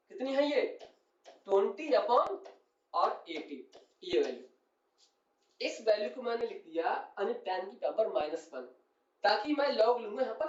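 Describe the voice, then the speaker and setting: A male teacher giving a chemistry lesson, calling his students "beta" and often checking that they follow. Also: very high voice. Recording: echoey, distant, dull sound.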